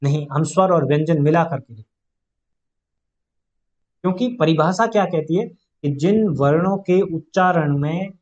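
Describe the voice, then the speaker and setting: Male grammar teacher, fairly high and mellow voice, patient classroom explainer who poses rhetorical questions; dull lo-fi recording. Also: moderate pace, long pauses.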